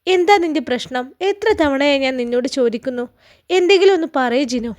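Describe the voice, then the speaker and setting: A woman storyteller voicing a worried, tender middle-aged mother who pleads anxiously, in a high voice. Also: expressive, a little fast.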